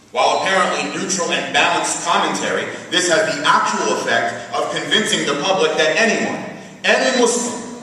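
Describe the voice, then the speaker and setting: At a community event, a man in his thirties reads a prepared speech from a podium in a medium-sized indoor mosque prayer hall, measured and deliberate. His voice is a little high, bright, and forceful. It's picked up by a podium mic filmed from a distant camera, so he sounds far off in the echoey hall.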